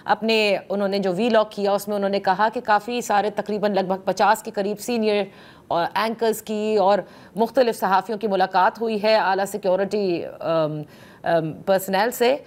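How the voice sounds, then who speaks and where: A woman hosting a political talk show, asking measured questions with frequent hesitations. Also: medium pitch, fairly even intonation, darkish tone.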